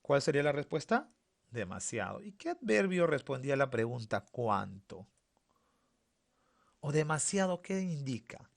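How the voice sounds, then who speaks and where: Man, schoolteacher, slow and repetitive, gravelly low voice, lively pitch. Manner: asks the class questions and answers them himself, slow and repetitive. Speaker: primary school teacher. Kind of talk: online grammar lesson.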